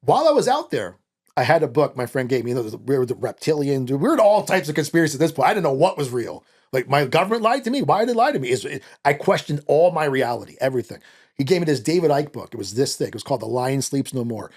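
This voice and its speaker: Speaking fast at a medium pitch, this Italian-born former Marine, now a middle-aged man from the United States, guests on a podcast in a small indoor studio. His casual personal stories come out blunt, profane and animated, with quoted lines acted out, all picked up by a close podcast mic on a boom arm.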